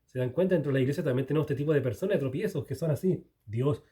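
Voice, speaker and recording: A man's voice: a little high, racing, dark tone. A man giving informal Bible teaching to camera, earnest and speaking straight to the listener.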